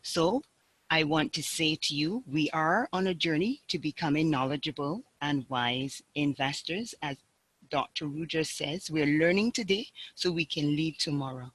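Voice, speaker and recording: A woman's voice: low-pitched, normal speed, fairly bright tone, husky, rough recording. A woman hosting a conference call, upbeat and rallying her listeners. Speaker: call host.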